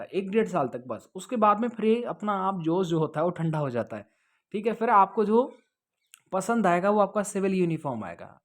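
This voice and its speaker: Answering viewer questions about police jobs, a high-pitched male host explains things casually to camera. He's conversational and advising, frequently checking the listener follows with "okay?" and "understood?".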